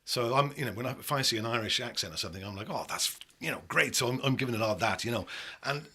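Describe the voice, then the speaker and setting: A man's voice: medium pitch, very fast, slight background noise. A man from England who works as a voice-over actor and audiobook narrator, chatting casually and telling self-mocking stories. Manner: animated storyteller, self-mocking, laughs often. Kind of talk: casual chat.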